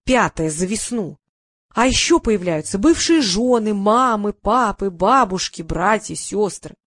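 A woman reading the lines of a sharp, scornful female press secretary in an audiobook. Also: medium pitch, expressive, a little slow, no room sound, clean studio sound. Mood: mocking. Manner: sarcastic and scornful.

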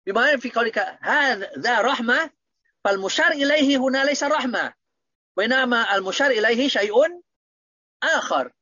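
Quizzing students again and again, a man leads an online lesson on Arabic grammar. He has an extremely high, bright voice with a forceful tone and no room sound. The lo-fi recording sounds dry and dull.

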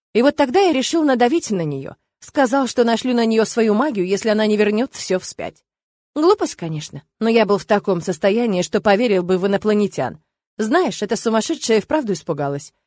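A woman voicing a gruff, protective middle-aged father who grumbles scornfully in an audiobook. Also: on the high side, sing-song, a little fast, a little mellow, no echo. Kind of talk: audiobook character voice.

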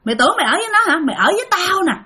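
A woman voicing the vengeful ghost of a first wife, scolding and taunting in a shrill voice. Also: very animated, very fast, sharp tone, heavily acted. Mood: menacing.

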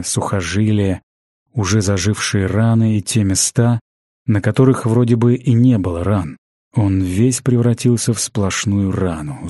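A man narrating a fantasy audiobook in a measured, even storytelling manner on a close studio mic. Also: lowish voice, dry recording.

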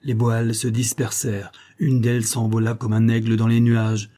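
A man reading a classic novel aloud as scripted narration in a steady, dramatic manner. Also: medium pitch, moderate pace. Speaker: audiobook reader.

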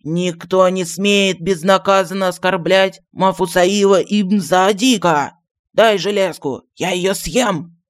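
A man voicing a pompous, excitable old male genie who served as a royal astrologer, grandiose and quick to take offense, in an audiobook. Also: a little high, lightly acted. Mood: indignant. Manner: grandiose and touchy, flares up fast.

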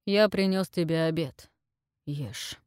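A woman voicing a gruff male hunter who speaks tersely and matter-of-factly. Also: low voice, slow pace, a little mellow, no echo, studio quality. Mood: dry.

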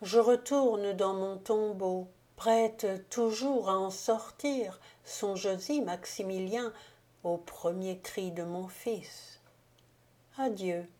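Give me a solemn, melancholy ghost countess read by a woman, slow and dark-toned. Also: mid-range voice, natural voice. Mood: solemn, hushed. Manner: grave, solemn, hushed. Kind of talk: audiobook reading.

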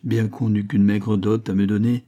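Husky, dark-toned male audiobook narrator. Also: lowish voice, flat delivery, moderate pace. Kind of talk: literary audiobook reading.

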